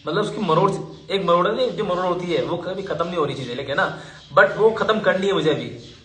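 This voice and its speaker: A man's voice: high-pitched, fairly quick, fairly bright tone, roomy sound, rough recording. A man vlogger and team leader, talking emphatically and indignantly to his viewers while questioning his team.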